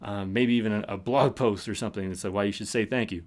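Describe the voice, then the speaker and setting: A man's voice: fairly low pitch, steady tone, fast talker, a little mellow. A man presenting a live webinar and answering questions in a loose, casual way, stopping and restarting often, while he is losing his voice. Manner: casual, full of fillers and restarts.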